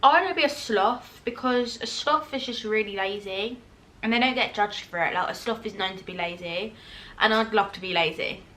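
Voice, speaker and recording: A woman, chatting casually with viewers in a Q&A while eating, rambling quickly with many fillers. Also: mid-range voice, sharp tone. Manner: chatty and self-reassuring, laughs often. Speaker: vlogger.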